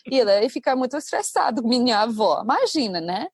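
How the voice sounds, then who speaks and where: Brief: woman, English speaker, podcast guest, bright higher voice, dry close sound, animated talker. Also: fast talker, slightly rough, dry recording. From United States. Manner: animated, thinks aloud with many asides. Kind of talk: casual podcast conversation.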